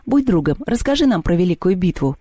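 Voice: medium pitch, big pitch swings, fairly quick, mellow, dry recording, clean studio sound. A reader voicing a polite, earnest girl asking for help. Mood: pleading. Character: earnest schoolgirl, polite and pleading.

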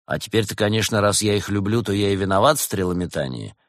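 A man's voice: lowish voice, fast, no room sound, studio quality, natural voice. A man voicing a bored, offhand teenage male puppy in a storybook reading. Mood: sulky. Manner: sulky, offhand.

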